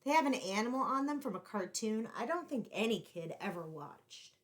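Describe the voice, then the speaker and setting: A woman reading a picture book aloud to children in an expressive, deliberately phrased storytelling style, like a teacher. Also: a little high, a little hiss or hum.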